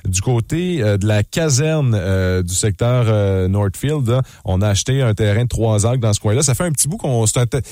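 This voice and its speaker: A man's voice: fairly low pitch, lively intonation, moderate pace, hardly any pauses, warm tone, no echo. A man with a Québécois accent talks through local news headlines on radio. He rambles loosely, with many restarts. His voice sounds dry and close in the studio. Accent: Québécois French. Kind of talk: casual news chat on radio.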